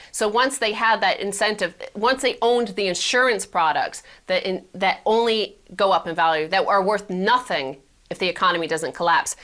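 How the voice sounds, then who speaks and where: A woman co-hosting a show, reading financial news items and asking quick questions with some restarts. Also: medium pitch, a bit bright. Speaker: co-host.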